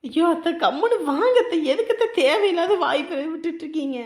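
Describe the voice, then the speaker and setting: A woman's voice: extremely high pitch, animated, fast, echoey room. An actress playing a young daughter-in-law who urgently pleads with her mother-in-law. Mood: pleading. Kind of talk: Tamil family drama acting.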